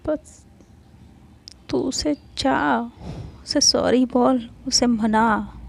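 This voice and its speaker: A woman's voice: a little high, very slow, gravelly, a little mellow, exaggerated voice. A woman voicing a young female friend who scolds and coaxes her friend in a spoken Hindi story. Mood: scolding.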